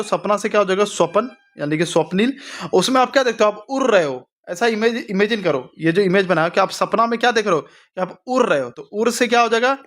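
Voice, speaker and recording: A man's voice: high voice, a bit bright. A young man teaching an exam-prep lesson with memory tricks, asking rhetorical questions and repeating each answer. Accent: Hindi-speaking north Indian.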